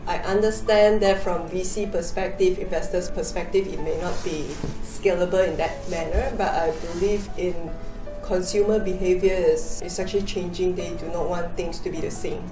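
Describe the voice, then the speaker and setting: A woman cafe founder who grew up in Malaysia, answering interview questions in a measured way, step by step. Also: fairly low pitch, steady tone. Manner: measured, explains step by step with fillers. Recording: roomy, distant mic, music behind.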